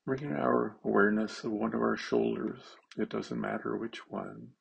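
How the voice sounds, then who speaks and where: A man leading a slow guided meditation, halting, with long pauses and simple phrasing. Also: on the low side, fairly even intonation, creaky, slightly rough.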